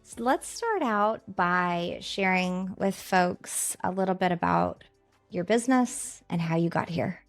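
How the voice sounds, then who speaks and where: A woman's voice: on the low side, animated, measured pace, no echo, faint music behind. A woman hosting a podcast, asking questions in a casual, enthusiastic, affirming way. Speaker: podcast host. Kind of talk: casual interview.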